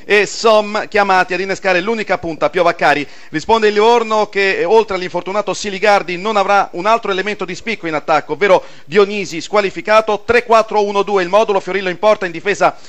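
Male football radio commentator, measured match report delivery. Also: high-pitched, a bit bright.

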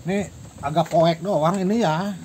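A man's voice: a little high, steady tone, normal speed, crowd noise. Chatty Sundanese-accented man hosting. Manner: chatty, laughs often, addresses viewers as guys. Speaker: host. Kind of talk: casual comedic chat. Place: outdoors after dark.

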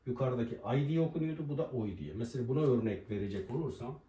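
A man teaching a language lesson at a board, explaining pronunciation and slowly repeating each example word. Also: medium pitch, lively intonation, warm tone. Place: room with a writing board. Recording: roomy echo, voice from a distance.

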